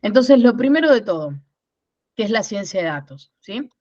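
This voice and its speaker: A woman's voice: medium pitch, big pitch swings, moderate pace, warm tone, dry recording. A woman from Rosario speaks with a Rosario Argentine accent as she leads an online workshop, explaining ideas step by step and checking in with her listeners. She sounds like she is in her thirties. The sound is dry and a little dull, as if recorded on a basic online call. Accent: Rosario Argentine Spanish. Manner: explanatory, repeats words and asks "¿no?". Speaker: workshop instructor.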